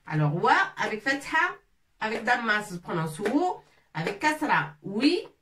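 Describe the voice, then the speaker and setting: An Arabic teacher, a woman, gives a slow, patient letter-by-letter pronunciation lesson in French, drilling each syllable one by one and repeating sounds for learners. Her voice is a little high, very animated and fairly bright. It's recorded from a distance, a bit off-mic, in an echoey room with faint noise.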